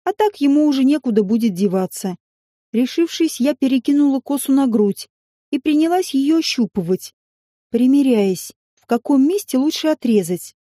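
A woman narrating a novel in the first person with a lively, expressive reading. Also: high voice, moderate pace, no room sound, clean studio sound. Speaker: audiobook narrator.

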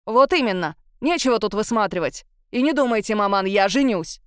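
A woman's voice: mid-range voice, big pitch swings, normal speed, clean tone, dry recording, studio quality, natural voice. A woman voicing a cocky young man who banters playfully in an audiobook. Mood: angry.

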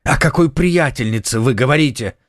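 A man reading an audiobook and voicing a hot-blooded young male musketeer who shouts in desperation. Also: medium pitch, animated, brisk, dry recording, studio quality, lightly acted. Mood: alarmed. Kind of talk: audiobook character voice.

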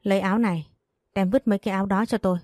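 A woman's voice: mid-range voice, steady tone, very fast, darkish tone, dry recording, clean studio sound, soft background music, lightly acted. A woman voicing a stern young husband and master of the house who gives curt, commanding orders. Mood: cold.

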